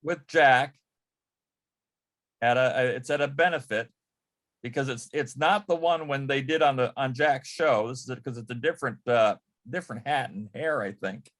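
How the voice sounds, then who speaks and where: A former personal assistant to an entertainer shares stories in a panel interview. His voice sits mid-range for a man with a fairly bright tone, and he speaks haltingly, doubling phrases and starting sentences over again and again.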